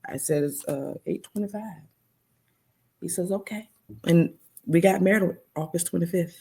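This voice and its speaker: A middle-aged woman, a podcast guest, telling her testimony in an animated way and acting out the dialogue. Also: fairly low pitch, moderate pace, vocal fry, breathy edge. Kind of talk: storytelling testimony.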